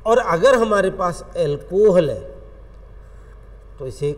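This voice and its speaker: A man with an Indian accent, teaching a chemistry lecture in an animated, coaxing way and addressing students as friends. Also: sits high, takes it slowly, in a large hall. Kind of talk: classroom lecture.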